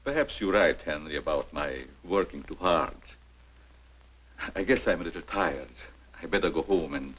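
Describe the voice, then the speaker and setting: An actor playing a sly, aggrieved mad scientist in 1940s horror film style, measured and theatrical with veiled menace. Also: male voice, rumbling low, fairly bright tone, husky, heavily acted, low-quality recording. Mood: feigned weariness.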